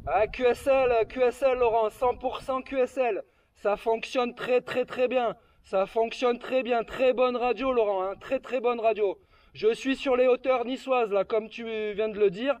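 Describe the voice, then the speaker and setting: A man's voice: very high voice, steady tone, a little slow, darkish tone. A man working as an amateur radio operator, speaking over a handheld walkie-talkie from a hilltop in a ham radio exchange full of call signs and signal reports. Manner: repeats the other operator's name and "QSL" often. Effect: heard over a handheld walkie-talkie radio link. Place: outdoors on a hilltop. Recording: faint, distant, lo-fi radio transmission.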